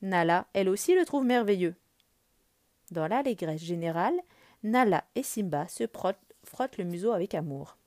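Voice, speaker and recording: A woman narrating a children's storybook in an expressive, animated read-aloud. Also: medium pitch, normal speed, no room sound, studio quality.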